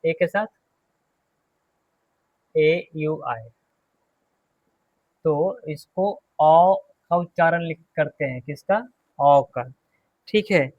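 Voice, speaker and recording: Male teacher, slightly high voice, dry close sound, drills each word and repeats it. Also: no echo, narrow, tinny audio. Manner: slow, repeats words and asks students to repeat; drills words one by one, quizzing the class. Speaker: English teacher. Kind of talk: classroom pronunciation lesson.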